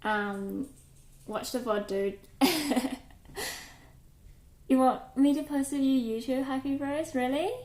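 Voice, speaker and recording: A woman's voice: high-pitched, steady tone, slow, long pauses, darkish tone. Chatty woman streamer, echoey kitchen. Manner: chatty, greets viewers by name, scattered and distracted. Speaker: live streamer. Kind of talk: casual live-stream chat. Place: home kitchen.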